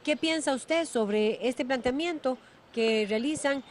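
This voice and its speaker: A woman from Costa Rica with a Costa Rican Spanish accent, hosting a morning news interview and asking a phone guest questions in a measured, conversational way. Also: sits high, a little hiss or hum. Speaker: morning news show host. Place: TV studio.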